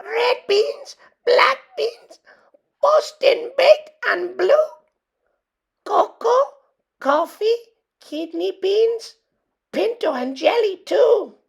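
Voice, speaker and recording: A woman voicing a small, excitable, bossy male chihuahua bandit in a storybook, squeaky and emphatic. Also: very slow, creaky, pauses often, full character voice. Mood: dramatic listing.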